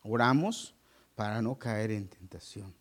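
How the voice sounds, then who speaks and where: A male pastor preaching a sermon to his congregation, moving between loud exclamations and hushed asides. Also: lowish voice, a little slow.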